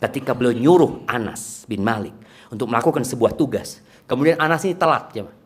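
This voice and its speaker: A man's voice: mid-range voice, fairly quick. A middle-aged man giving a sermon, answering audience questions and acting out parents and children in quoted voices. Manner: rises to loud emphatic peaks, drops to soft asides. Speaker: preacher.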